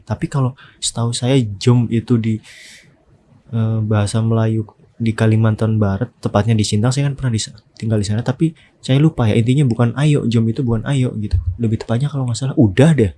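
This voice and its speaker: A man's voice: fairly low pitch, dark tone, a little hiss or hum. A man from Indonesia hosting a reaction video, chatting casually and often asking viewers to agree.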